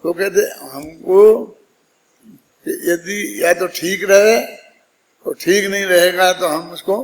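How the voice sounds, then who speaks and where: Guy giving a slow scripture talk, high voice, lots of hall echo. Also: slight background noise. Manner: explanatory, asks listeners rhetorical questions. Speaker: Jain scripture teacher. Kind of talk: scripture discourse.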